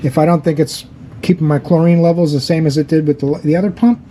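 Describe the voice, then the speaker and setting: A man's voice: a little high, fairly even intonation, fast talker, dark tone, a little hiss or hum. A man casually talking through a pool pump review outdoors by a backyard pool, in an easygoing, chatty way.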